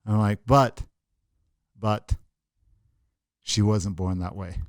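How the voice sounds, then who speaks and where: A man's voice: on the low side, fairly even intonation, slow pace, dry recording, studio quality. A man co-hosting a podcast in casual chat, joking and teasing. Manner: joking, teasing, puts on silly voices. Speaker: podcast co-host.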